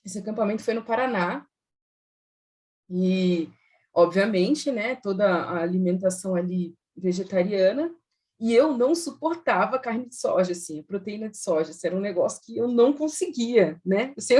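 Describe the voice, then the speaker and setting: A woman from Brazil telling her personal faith story in an animated way, laughing often and using many fillers. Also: fairly high pitch, slightly rough. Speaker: testimony guest.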